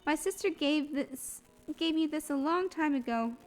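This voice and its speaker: A sincere young apprentice medium from a video game pleads politely for help, voiced by a woman. The voice sits well above an ordinary woman's pitch and stays soft and earnest throughout. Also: normal speed, soft background music, lightly acted. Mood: pleading. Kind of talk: reading game dialogue aloud in character.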